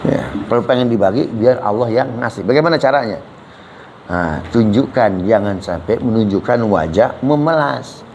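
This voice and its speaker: Against a noisy background, a man speaks at normal speed and medium pitch in a spirited Islamic lecture that includes audience questions. He's playful and animated, habitually addressing everyone as "Pak" and inserting "subhanallah" between points.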